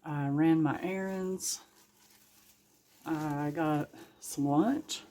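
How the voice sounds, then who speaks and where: A woman's voice: sits low, steady tone, very slow, dark tone, slight background noise. A woman chatting casually to her viewers in a folksy, laughing way while she works outdoors in her garden. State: a little out of breath. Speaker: gardening vlogger. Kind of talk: casual vlog narration.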